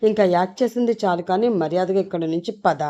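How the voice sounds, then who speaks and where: A woman voicing an excitable young man, the hero's loyal brother-in-law. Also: on the low side, quick pace, lo-fi sound, natural voice. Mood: mocking. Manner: urgent, mocking.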